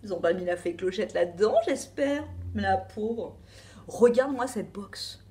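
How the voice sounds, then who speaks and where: A woman's voice: medium pitch, expressive, a little slow, warm tone. Chatty French woman unboxing beauty products. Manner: chatty, rambling, full of asides and fillers. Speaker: beauty box reviewer. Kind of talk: casual unboxing chat.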